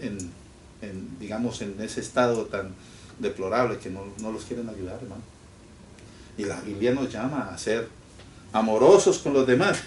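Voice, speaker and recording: A man preaching a sermon in a church, animated, often calling his listeners brothers. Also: mid-range voice. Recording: echoey room from far off with faint noise.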